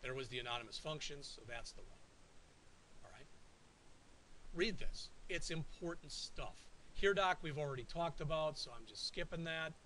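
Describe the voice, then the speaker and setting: A man lectures a college class in a bright, forceful voice that sits a little high. He keeps it conversational and keeps checking that the students follow. A faint hiss runs under the classroom recording. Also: animated, normal speed, rough recording. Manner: conversational, checks in often with "all right?". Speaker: college instructor.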